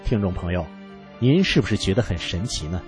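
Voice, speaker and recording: Lively low-voiced male radio narrator. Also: soft background music. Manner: earnest, measured storytelling. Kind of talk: scripted narration.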